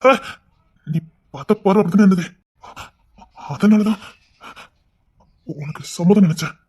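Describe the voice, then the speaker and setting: A man voicing a brooding young man in an audio love story, speaking in a husky half-whisper. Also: sits high, measured pace, darkish tone. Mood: hurt.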